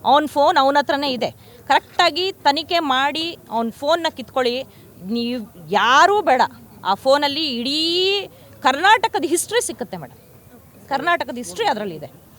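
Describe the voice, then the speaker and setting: A woman's voice: high-pitched, expressive, moderate pace, fairly bright tone. A woman from Karnataka, speaking at a press conference and making fierce, repetitive accusations. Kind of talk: angry press statement.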